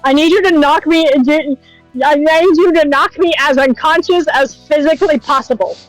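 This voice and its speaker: A woman's voice: high voice, moderate pace, no echo, faint music behind, rough recording. A woman streamer in casual chat, exasperated and swearing as she rants.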